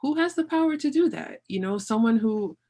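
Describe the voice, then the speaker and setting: A woman's voice: a little high, animated, brisk, mellow. A woman hosting a conversational interview, speaking emphatically and repeating phrases for stress. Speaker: podcast host, interviewer.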